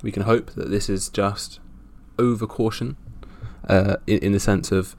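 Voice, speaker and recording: A man with a gravelly voice hosting a casual sports roundup podcast solo, speaking in a halting, wry way. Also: on the low side, steady tone, a little mellow. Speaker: podcast host.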